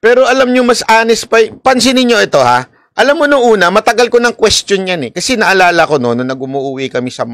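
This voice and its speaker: A man from the Philippines gives casual commentary in a high, lively voice. He talks straight to his viewers and laughs often. The recording is dry and close. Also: quick pace, dry recording. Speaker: political commentary vlogger.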